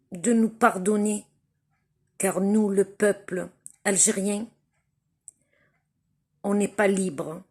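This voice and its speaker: A woman from Algeria speaks straight to her viewers in an impassioned appeal. Her voice is husky and a little breathy, and her pace is very slow and deliberate. She hammers her points home by repeating them. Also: medium pitch, darkish tone. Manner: slow, emphatic, repeats phrases for stress. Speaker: vlogger addressing viewers. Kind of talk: impassioned spoken appeal to camera.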